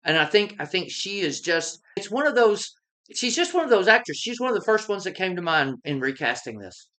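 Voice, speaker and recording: A woman co-hosting a casual movie recasting chat, speaking in a measured way that often restarts its sentences. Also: medium pitch, sing-song, a bit bright. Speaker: podcast co-host.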